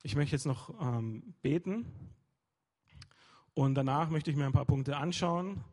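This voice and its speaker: Young male preacher, loose informal sermon, hesitant delivery, mellow and a bit husky. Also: on the high side, a little slow. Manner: hesitant, many fillers and restarts.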